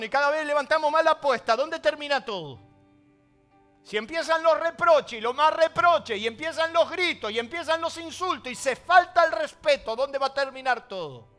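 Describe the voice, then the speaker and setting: A man with a Rioplatense Spanish accent preaching a sermon as pastor, swinging between loud emphasis and hushed asides. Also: very high voice.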